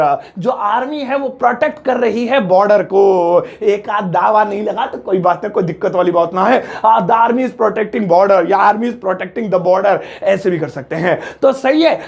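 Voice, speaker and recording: High-pitched joking Indian English teacher. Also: male voice, vocal fry. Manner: jokey, chatty, slows down to spell out English sentences. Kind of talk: spoken English lesson in Hindi.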